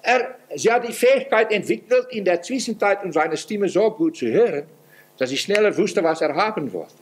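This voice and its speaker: A man preaching a sermon as pastor, earnest, his voice swinging up and down in pitch and loudness. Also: expressive, normal speed, slight background noise. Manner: acts out quoted prayers in a pleading voice.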